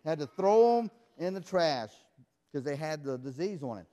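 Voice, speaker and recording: A man's voice: a little high, expressive, normal speed, mellow. A man performing a children's magic show, playfully acting surprised and quizzing the kids in call-and-response. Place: church hall with a live audience. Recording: echoey hall.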